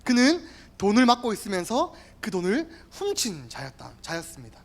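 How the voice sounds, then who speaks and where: A youth pastor preaching to a congregation, turning to the listeners often and repeating key words. The pitch swings widely, rising high on emphatic phrases and dropping low and soft at the ends. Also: huge pitch swings, moderate pace. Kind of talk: sermon.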